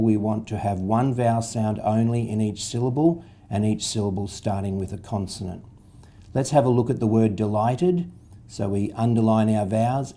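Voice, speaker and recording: A man's voice: lowish voice, warm tone. A man, patiently explaining a reading method step by step, spelling out letters and sounds. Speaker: literacy tutor.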